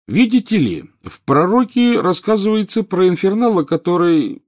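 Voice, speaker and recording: Man doing a curious teenage boy, high raised voice, eager, storybook reading. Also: sing-song, normal speed, a little mellow.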